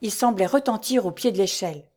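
A woman narrating a historical adventure novel aloud in a measured, even storytelling voice. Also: medium pitch. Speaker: audiobook reader. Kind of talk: scripted narration.

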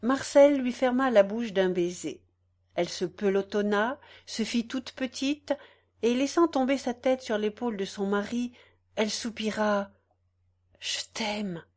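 A woman narrating a novel in a dramatic, measured audiobook reading, pausing between phrases. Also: on the high side, darkish tone.

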